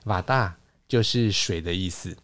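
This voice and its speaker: A man with a fairly low voice talks through ideas at an easy, teacherly pace, pausing on fillers and correcting himself mid-word. The sound is dry and close, with no room around it. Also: a bit bright, dry recording. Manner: explanatory, lecturing with fillers and restarts. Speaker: podcast host, wine lecturer. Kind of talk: casual conversational podcast.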